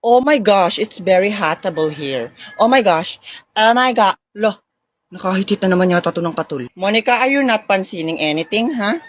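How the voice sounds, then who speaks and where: A man's voice: sits high, lively intonation, moderate pace, fairly bright tone, dull audio. A man voicing a vain, dramatic young female classmate who mixes broken English into her talk.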